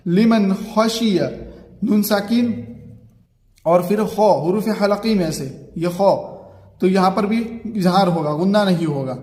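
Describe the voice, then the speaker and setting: A man teaching a Quran reading lesson. He explains a rule, recites the example words slowly and checks in with the learner. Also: sits high, darkish tone. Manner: asks "ठीक है?" to check the learner. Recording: echoey room with long reverb.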